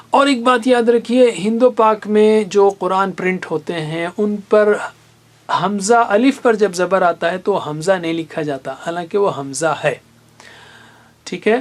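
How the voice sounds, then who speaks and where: A man teaching Quran recitation in a classroom lesson. He patiently explains and slowly sounds out single letters and syllables as examples. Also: sits high.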